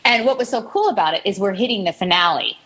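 A woman's voice: mid-range voice, animated, quick pace, a bit bright, husky. A woman co-hosting a chat show, telling a story in a chatty, self-mocking way. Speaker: podcast co-host.

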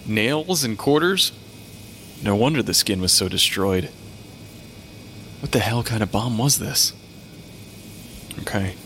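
A man's voice: fairly low pitch, expressive, slow pace, pauses often, pushed and bright, a little hiss or hum, full character voice. A man playing a weary, matter-of-fact medical examiner who talks to ghosts in an audio drama. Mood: focused. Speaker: pathologist.

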